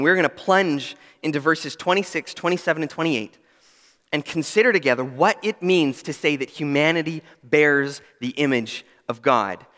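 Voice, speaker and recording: A young adult male pastor preaches a sermon, earnest and emphatic, with self-deprecating asides. His voice is fairly high, bright and forceful, carried by the long reverb of a large hall.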